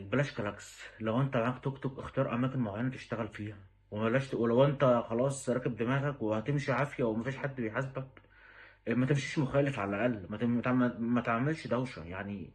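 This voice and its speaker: A man with an Egyptian Arabic accent, talking straight to the listener in an exasperated, pleading rant. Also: medium pitch. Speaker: vlogger. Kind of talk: direct-to-camera rant.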